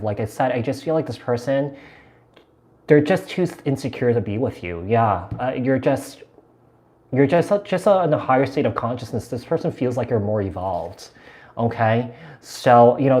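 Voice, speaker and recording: A man's voice: mid-range voice, darkish tone. Chatty man giving a tarot reading. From United States. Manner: chatty and meandering, many fillers and repeats. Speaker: tarot reader. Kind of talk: live tarot reading, casual chat.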